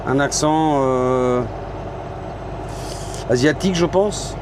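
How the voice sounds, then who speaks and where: A man's voice: medium pitch, takes it slowly. A man from France with a French accent, a truck driver vlogging casually from his cab and chatting to his viewers. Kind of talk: casual vlog while driving. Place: inside a truck cab on the road. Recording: road noise behind. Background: engine and road noise.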